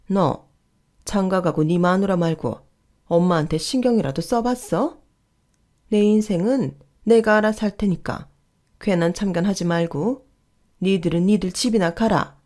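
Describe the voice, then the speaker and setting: Woman voicing a bossy old mother-in-law, snappy and loud, mellow-toned underneath. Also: mid-range voice, a little slow, natural voice. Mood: scolding. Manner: scolding, sharp and dismissive. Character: shrill stubborn older mother-in-law.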